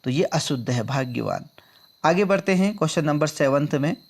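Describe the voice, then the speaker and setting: Man going through exam questions, higher-pitched. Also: expressive, normal speed. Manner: drills answers by repeating them back as questions; addresses viewers as friends. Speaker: exam prep teacher. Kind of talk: explaining quiz answers.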